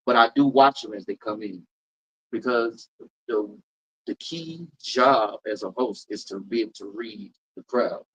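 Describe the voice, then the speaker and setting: A man's voice: on the low side, a little slow, poor audio. A man from Florida who works as a comedian and event host, talking casually in an interview with emphatic, riffing storytelling. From Polk County, Florida. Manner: animated, emphatic storytelling with repeated riffs.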